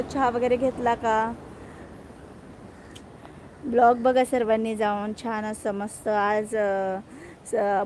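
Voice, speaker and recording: High-voiced chatty woman streaming live. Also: darkish tone, slight background noise. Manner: chatty and teasing, greets viewers by name; playful, jokes about herself. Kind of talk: casual live-stream chat with viewers.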